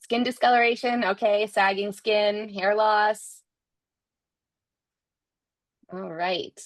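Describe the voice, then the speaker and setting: A woman's voice: mid-range voice, fairly even intonation, unhurried, dry recording. A woman hosting a webinar, upbeat and welcoming, reading scripted introductions. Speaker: webinar host.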